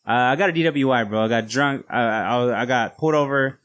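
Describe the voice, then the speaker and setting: A man's voice: mid-range voice, a little fast, fairly bright tone, clean tone. A man hosting a podcast in casual, slangy, informal conversation. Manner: slangy, informal, often saying "bro". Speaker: podcast host.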